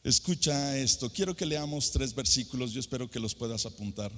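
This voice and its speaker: A man's voice: mid-range voice, a little fast, fairly bright tone. A middle-aged man from San Luis Potosí with a Mexican accent, a pastor preaching a sermon to young people with sung emphasis and rhetorical questions. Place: large hall at a youth conference. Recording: long hall reverb.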